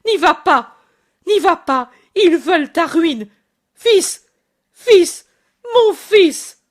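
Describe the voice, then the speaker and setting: A woman's voice: a little high, slow pace. A woman reading aloud and voicing an anguished older mother who pleads and cries out for her wayward son. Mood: desperate crying out. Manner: pleading, crying out in despair. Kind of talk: audiobook reading.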